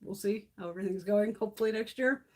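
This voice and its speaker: On a beauty live stream, a middle-aged woman from Connecticut spins stories in casual conversation, swearing freely and laughing frequently. She speaks at a quick pace in a medium-pitched, darkish voice that's starting to give out.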